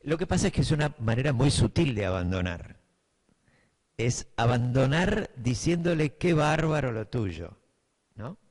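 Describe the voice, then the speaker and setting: A man's voice: medium pitch, a little mellow. A middle-aged man with a Buenos Aires accent giving a class to teachers, thinking aloud with fillers and often checking that his listeners follow. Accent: Buenos Aires Spanish. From Buenos Aires, Argentina. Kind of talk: lecture to teachers.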